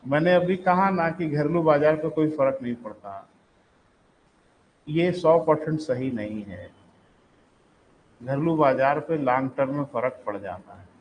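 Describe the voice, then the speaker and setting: A man teaching economics to a live class, quizzing and scolding students and dictating notes slowly. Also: on the high side, slight background noise, rough recording.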